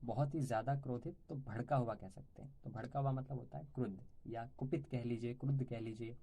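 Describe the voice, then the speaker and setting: A man with a dark, mellow tone teaches vocabulary at a relaxed conversational pace. He explains each word patiently and keeps checking in with his listeners, the way a tutor walks students through a lesson. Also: medium pitch, creaky, husky. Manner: sings song lines softly and slowly.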